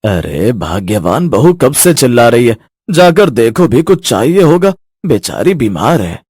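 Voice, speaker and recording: A man's voice: medium pitch, sing-song, unhurried, a little mellow, slightly rough, no room sound, studio quality. Man voicing a stern kindly father-in-law. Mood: coaxing. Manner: firm, scolding his wife. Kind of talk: animated storybook voice acting.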